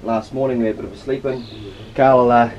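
A man's voice: mid-range voice, fairly even intonation, fast, lo-fi sound. A man, hosting a casual vlog on a handheld camera. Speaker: host. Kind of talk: casual hunting vlog chat. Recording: noisy handheld camera audio.

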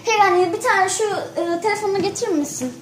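A woman with a high, girlish voice chats straight to her camera as a vlogger. She acts out every example with theatrical flair, piling up repeated phrases. The sound comes from a plain built-in camera mic. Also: fast, reverberant. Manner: animated, acts out examples dramatically; exaggerates for effect, repeats phrases. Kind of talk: casual chat to camera.

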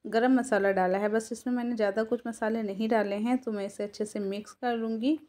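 A woman hosting a cooking channel, calmly explaining each step of a home recipe to viewers as she cooks. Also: fairly high pitch, a little fast. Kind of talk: casual cooking voice-over. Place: home kitchen.

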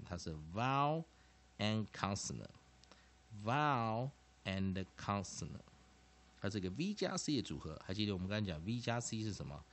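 A man teaching English pronunciation in Chinese, with frequent filler particles and drawn-out repeated words. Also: fairly low pitch. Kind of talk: classroom lesson explanation.

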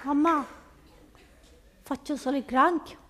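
High, wheedling little kid, as a woman puts one on, whiny, pleading, stage comedy. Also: fairly even intonation, takes it slowly, crowd noise, background noise.

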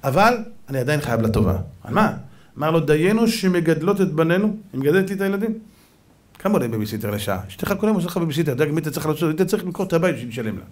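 A man giving a fiery sermon as a rabbi, dramatic, swinging between shouting and hushed asides, with an Israeli Hebrew accent. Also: a little high, lively intonation.

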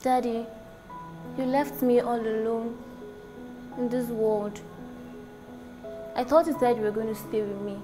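A young woman plays a worn-out, grieving daughter pleading softly for her father. Her voice is fairly high, and clear music plays behind her. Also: steady tone, unhurried, pauses often, close to an everyday voice. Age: 20s. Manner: soft, pleading, weary. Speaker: actor performing an audition monologue.

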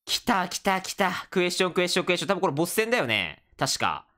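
Excitable male let's-play host, very lively pitch. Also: fast. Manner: excitable, reacts loudly to the game. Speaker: gaming video host. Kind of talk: solo let's-play commentary.

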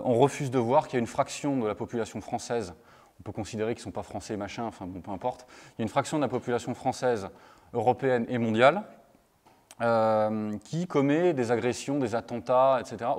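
A man's voice: mid-range voice, a little mellow. A man giving a conference talk, hesitant, with many fillers and restarts. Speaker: lecturer. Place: conference hall. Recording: long hall reverb.

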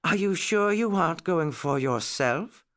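A man's voice: high voice, sing-song, unhurried, creaky, pitched above the performer's own voice, heavily acted. A man voicing a kindly, teasing female animal nurse in a children's storybook. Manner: teasing, light.

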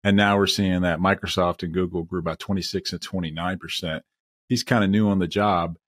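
Male tech podcast co-host, deep and husky, dry mic, casual and analytical. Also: steady tone, fairly quick, no echo. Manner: joking, analytical.

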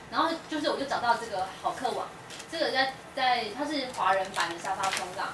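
A woman giving a casual public talk at a bookstore, chatty, with many fillers and restarts. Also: fairly high pitch. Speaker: guest speaker at a bookstore talk. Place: indoor bookstore event space. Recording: roomy echo, distant mic, noisy room.

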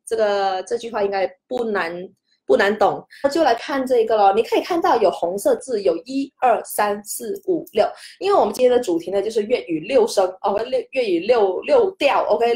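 A woman's voice: mid-range voice, darkish tone. A woman hosting a casual spoken lesson. She chats, peppers her talk with "OK", and stretches out single syllables to show each tone rising, falling or staying level. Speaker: host and language teacher.

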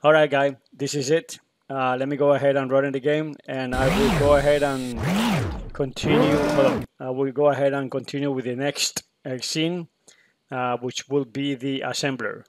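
A man's voice: medium pitch, fairly even intonation, normal speed. A man explaining his programming in a screen-recorded tutorial, hesitant and full of fillers and restarts. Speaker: PLC programmer demonstrating code.

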